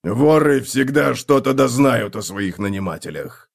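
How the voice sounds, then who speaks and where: Grim, gruff male dwarf read by a man; growls short threats. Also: medium pitch, expressive, measured pace. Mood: stern. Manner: growling, blunt.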